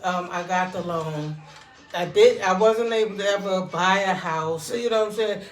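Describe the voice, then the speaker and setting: A woman telling a casual, rambling personal story in a conversational way, often checking in with the listener. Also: mid-range voice. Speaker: vlogger telling personal stories. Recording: echoey room, distant mic.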